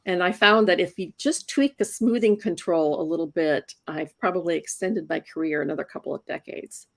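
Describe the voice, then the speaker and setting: A woman in her sixties who inks comics chats casually in an interview, often restarting and repeating words. Her voice sits on the low side, moves a little fast, and has a creaky quality.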